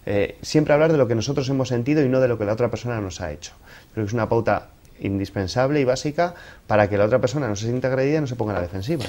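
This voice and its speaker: A man's voice: medium pitch, very fast, darkish tone. A man from giving relationship advice in an interview, explaining things didactically through examples.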